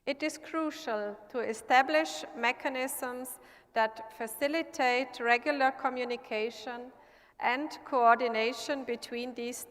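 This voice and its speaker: A woman's voice: fairly high pitch, a bit bright. Earnest woman in a reverberant hall. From Austria. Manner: earnest, measured delivery. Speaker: parliamentarian. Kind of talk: formal prepared speech. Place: large assembly hall.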